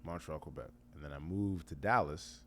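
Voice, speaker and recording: Very deep-voiced man chatting casually. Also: normal speed. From Canada and Texas. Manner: relaxed, slangy, with frequent fillers. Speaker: musician guest. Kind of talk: casual interview chat.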